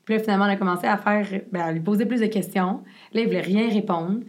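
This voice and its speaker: A young woman with a Québécois French accent, a business co-founder telling her story in a casual interview with a rapid, animated, filler-heavy delivery. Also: mid-range voice.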